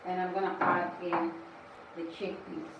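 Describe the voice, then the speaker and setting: A woman's voice: lowish voice, level tone, measured pace, creaky, dull audio, noisy background. A woman hosting a cooking livestream, chatting casually and lecturing viewers as she cooks. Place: home kitchen. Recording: echoey kitchen, mic at a distance.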